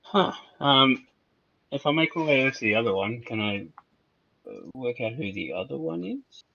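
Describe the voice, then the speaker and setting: A man's voice: medium pitch, lively intonation, moderate pace, vocal fry. A man chatting casually as a player in a tabletop game, hesitant and full of fillers. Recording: dull lo-fi recording.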